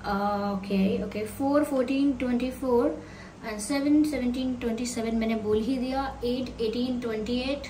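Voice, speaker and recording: A woman giving a tarot reading to viewers, mixing Hindi and at an unhurried pace, her throat slightly sore. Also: fairly high pitch, fairly even intonation, mellow. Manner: unhurried, mixing Hindi and English, thinking aloud. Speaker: tarot reader. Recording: roomy sound, mic at a distance, faint hiss.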